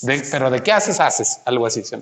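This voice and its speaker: A man's voice: mid-range voice, animated, a little fast, fairly bright tone. A man tutoring a student through logic exercises, patient and coaxing, asking many questions. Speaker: math tutor. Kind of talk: teaching logic exercises one-on-one.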